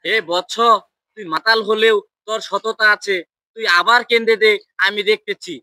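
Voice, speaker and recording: A man with a rural Bangladeshi accent playing a foolish, pompous water spirit in a village comedy skit, mock-solemn and quick to bicker. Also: high voice, fairly even intonation, pushed and bright, no room sound. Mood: solemn, benevolent.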